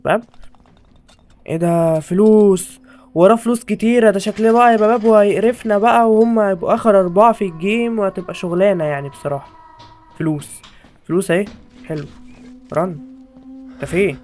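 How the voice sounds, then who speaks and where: A young man with an Egyptian Arabic accent giving jokey, excitable horror game commentary to his viewers from a home setup. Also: sits high, a little fast, pauses often, faint music behind. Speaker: gaming YouTuber.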